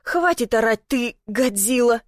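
A woman's voice: fairly high pitch, expressive, measured pace, dry recording, studio quality. A woman voicing an angry young woman who scolds sharply and shrilly, read as an audiobook character. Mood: scolding.

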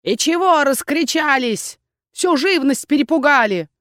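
A high, cackling old hag in rags, put on by a woman reading an audiobook. She barks and teases in a pinched, shrill voice that sits well above a plain speaking voice. The sound is close and dry. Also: lively intonation, measured pace, a bit bright, no room sound. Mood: mocking. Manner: shrill, barking, mocking. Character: thin toothless old crone, gruff and nosy.

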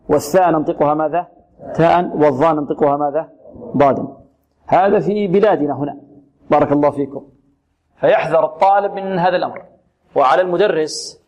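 A man teaching Quranic recitation on a radio lesson, drilling sounds slowly and answering his own questions. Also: on the high side, a little mellow.

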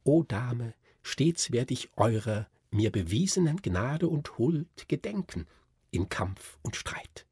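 A man's voice: medium pitch, sing-song, slow pace, hardly any pauses, breathy edge, no echo, studio quality, exaggerated voice. A man playing a fierce little nutcracker prince. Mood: solemn. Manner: loud, commanding, rhyming battle cries. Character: brave little wooden nutcracker prince, male.

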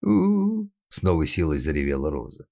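A man narrating an audiobook in a steady, ironic storytelling manner. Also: low voice, normal speed, no echo, clean studio sound.

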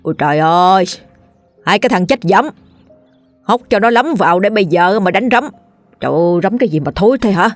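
A gruff eldest ghost-hunter, put on by a woman narrator, nags and curses in a raised voice. He bosses his juniors around. The recording is dry, with faint music behind. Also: medium pitch, moderate pace, pauses often, dry recording, close to an everyday voice. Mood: scolding. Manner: scolding, curses.

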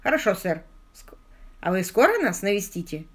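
A woman's voice: mid-range voice, very animated, moderate pace, slightly rough. A woman voicing a folksy, familiar middle-aged doorman.

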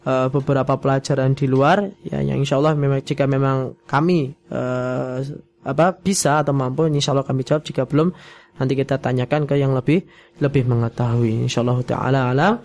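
A man's voice: medium pitch, fairly even intonation, brisk, a little mellow. A man teaching Quran recitation informally on the radio, with humble, tentative phrasing.

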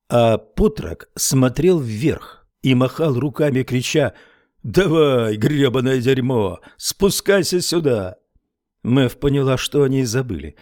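A man narrating an audiobook in a steady, even storytelling manner. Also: mid-range voice, no room sound, studio quality.

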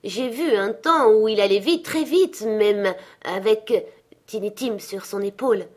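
A woman doing a grieving mother, gently brave. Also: medium pitch, normal speed, voice pushed up, natural voice. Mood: tender, grieving. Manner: steady voice with a thin cheerfulness.

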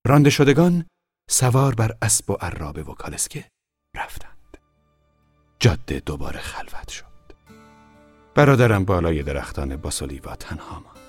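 A man narrating an audiobook in an expressive storytelling voice that sometimes drops to a whisper. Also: low voice, breathy edge, no echo, faint music behind. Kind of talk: scripted narration.

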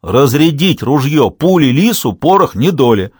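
A man's voice: on the high side, big pitch swings, moderate pace, a little mellow, breathy edge, no echo, studio quality, voice pushed up. A man doing a stern, barking commander. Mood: angry scolding. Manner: barking, scolding. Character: stern middle-aged male commander, quick to shout.

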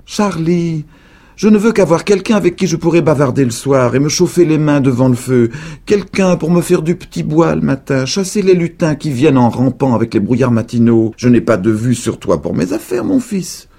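A man voicing a lonely, scheming old woman witch in a storybook reading, pitched high and coaxing. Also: lively intonation, moderate pace, gravelly, mellow, husky, heavily acted. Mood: pleading. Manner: shrill, pleading, coaxing.

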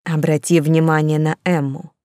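A woman's voice: low-pitched, level tone, normal speed, mellow, dry recording, clean studio sound, natural voice. A woman reading the part of a domineering, scheming older countess who hisses her commands. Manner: hissing, commanding.

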